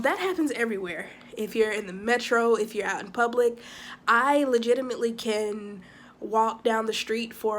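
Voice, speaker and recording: A young woman chatting casually to camera in a vlog, talking quickly with lots of fillers and asides. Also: fairly high pitch, a bit bright. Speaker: vlogger living abroad.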